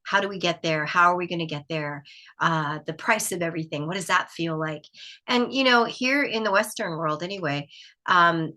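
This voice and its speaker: A woman's voice: on the low side, normal speed, bright, forceful tone. A woman hosting a solo podcast, sounding nasal from allergies, musing aloud in a reflective, questioning way. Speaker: podcast host.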